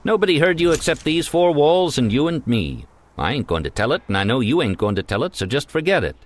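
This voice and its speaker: A man voicing a calm, smiling janitor with a smooth, folksy manner. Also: a little high, brisk, pitched above the performer's own voice.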